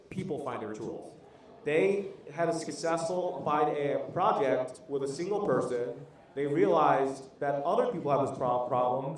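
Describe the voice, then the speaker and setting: A man's voice: a little high, far from the mic. A man hosting a live event, talking to the audience in an upbeat, encouraging way. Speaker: event host. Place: office event space with audience. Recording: echoey room, away from the mic.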